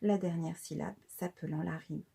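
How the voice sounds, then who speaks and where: A woman, a preschool teacher slowly explaining a lesson to parents and spelling out syllables with care. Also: lowish voice, steady tone, gravelly, warm tone, slightly rough. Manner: slow and deliberate, spelling out syllables. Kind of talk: slow instructional explanation for parents.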